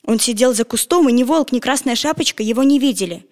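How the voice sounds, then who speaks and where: Brief: expressive woman narrating a storybook, high and animated, reverberant sound. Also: fast talker. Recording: long echoing reverb.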